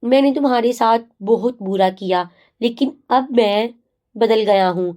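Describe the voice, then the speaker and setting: Woman reading as a remorseful young husband, earnest, soft-spoken, pleading, slightly higher-pitched. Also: natural voice. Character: young man, remorseful husband confessing love.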